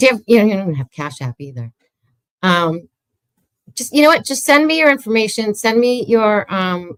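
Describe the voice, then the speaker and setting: A woman's voice: on the low side, a bit bright, no echo, poor audio. A woman hosting a show in a casual, conversational style. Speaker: show host. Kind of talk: casual chat.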